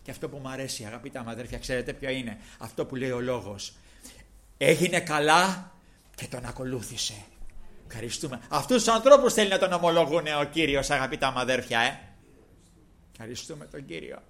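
A man preaching a sermon who swings between loud, impassioned exclamations and quiet, low asides, often breaking off to thank the Lord and to call out to his brothers. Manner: keeps repeating thanks to the Lord and addressing the brothers.

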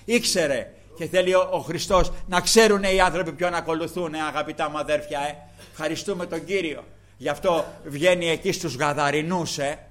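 Addressing the congregation head-on, an older man delivers an impassioned sermon in a high-leaning, somewhat bright voice. Praise refrains keep breaking through, and he slows into emphatic stretches.

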